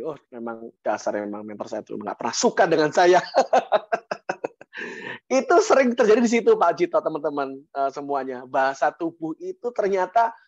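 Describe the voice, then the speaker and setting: Animated Indonesian man mentoring online. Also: a little high, no room sound. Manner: lively, with sudden rises and repetition for emphasis. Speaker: guest speaker, business mentor. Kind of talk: motivational talk on an online meeting. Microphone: online call microphone. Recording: dry, dull online-call audio.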